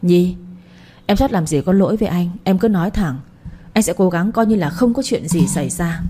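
A woman's voice: fairly low pitch, expressive, moderate pace, dark tone, husky. A woman doing a stern young husband. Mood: firm. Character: young husband, stern yet soft-hearted.

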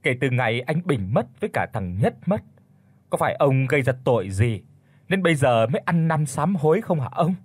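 A man voicing a sharp-tongued middle-aged wife who scolds her husband with rapid demands. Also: mid-range voice, very animated, slightly rough, dry recording. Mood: scolding.

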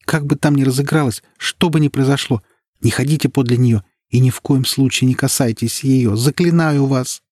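A frightened young woman, voiced by a man pleads urgently through tears. Her tone is raised and husky, with a dry close sound. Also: mid-range voice, steady tone, brisk, few pauses, darkish tone, no room sound, voice pushed up, lightly acted. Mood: frightened, imploring. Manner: urgent, imploring. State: crying. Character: young granddaughter maid, frightened and tearful.

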